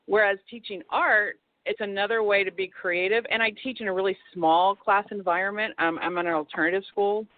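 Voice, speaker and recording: A woman's voice: medium pitch, steady tone, a little fast, few pauses, dry recording. Woman, author guest, chatty, rambling, restarts, tinny phone line, dry. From Texas. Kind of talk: casual phone interview.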